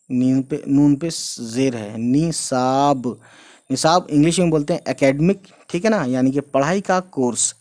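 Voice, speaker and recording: A man giving a casual spoken language lesson. He spells out letters slowly, repeats each word and often adds short check-ins. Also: mid-range voice, a little mellow. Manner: explains slowly, spells out letters, repeats words, fills with "theek hai". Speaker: language teacher.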